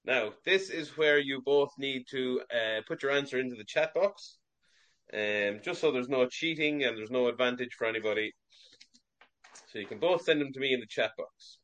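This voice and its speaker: A man hosts a sports quiz over a video call. He reads each question at a measured, steady pace and keeps score plainly. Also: medium pitch. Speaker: quiz master.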